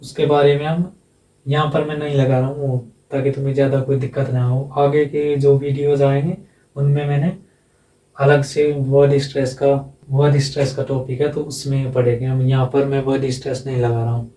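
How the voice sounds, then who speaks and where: A man teaching English phonetics, going slowly and repeating each sound several times, often checking in with a short tag question. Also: medium pitch, little pitch movement, mellow, roomy sound, far from the mic, poor audio. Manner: ends phrases with a checking "है ना". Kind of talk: whiteboard phonetics lesson.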